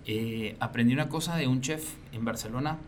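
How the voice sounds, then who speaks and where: Guy telling work stories, lively, faint background noise. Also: medium pitch, brisk. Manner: animated storyteller. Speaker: guest, business owner. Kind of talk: casual interview.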